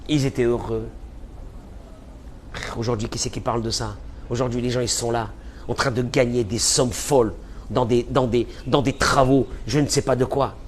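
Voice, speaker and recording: A man delivering a fervent sermon as a rabbi, his voice at an ordinary male pitch. He pleads and repeats key phrases, swinging from hushed to loud. A faint hiss sits under the recording. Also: steady tone, moderate pace. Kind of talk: impassioned religious lecture.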